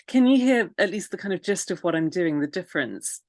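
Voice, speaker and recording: A woman, a pronunciation coach, explaining clearly in an interview with frequent "you know"s. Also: fairly low pitch, lively intonation, brisk, no echo.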